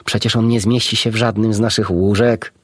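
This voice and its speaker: A man's voice: fairly low pitch, flat delivery, brisk, breathy edge, dry recording, clean studio sound, voice pushed up. A man voicing a stern, fussy female duck housekeeper in a storybook reading, scolding and worried.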